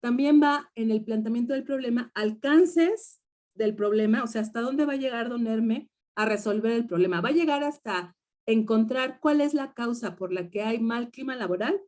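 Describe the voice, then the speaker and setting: A woman's voice: fairly high pitch, lively intonation, moderate pace, darkish tone. A woman with a Mexican Spanish accent teaching a research seminar, explaining step by step and checking in often with her students. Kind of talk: lecture to students.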